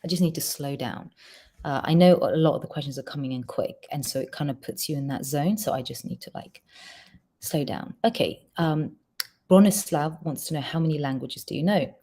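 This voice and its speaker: A Georgian singer from Georgia, whose first language is Georgian, reads fan questions during a casual livestream Q&A. Her voice is low and warm, and she talks quickly and chattily, with plenty of ums.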